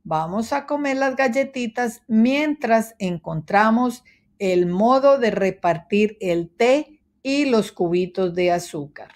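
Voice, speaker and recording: Storybook dog, woman doing it: big, calm, kindly, slow. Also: on the high side. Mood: eager. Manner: calm, suggesting tone. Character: big friendly male dog, calm and thoughtful. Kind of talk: children's storybook reading.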